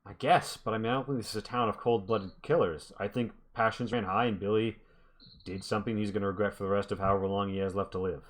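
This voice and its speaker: A man acts out a protective local woman in a tabletop game. The voice is on the low side. She is wary and speaks bluntly and defensively. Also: steady tone, fast talker, close to an everyday voice. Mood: convinced. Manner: blunt, defensive, hesitant starts.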